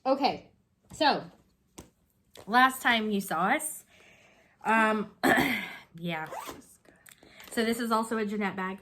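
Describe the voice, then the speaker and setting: A woman's voice: fairly high pitch, slow, long pauses, a bit bright, slight background noise. A sniffly, stuffed-up woman co-hosting a casual chat, rambling and restarting her sentences as she shows her projects. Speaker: co-host showing cross-stitch projects.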